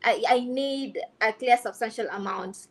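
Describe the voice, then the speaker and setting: Woman, Kenyan accent, fairly high voice, candid panel talk, emphatic repetition, English-Swahili code-switching. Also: measured pace. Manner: emphatic, repeats phrases for stress. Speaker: content creator on a panel.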